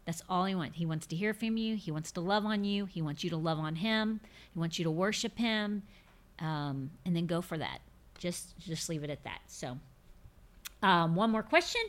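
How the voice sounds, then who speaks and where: Answering listener questions on her faith podcast, a host in her fifties chats casually but with emphasis, repeating words to hammer points home. She speaks at a normal speed in a lowish voice.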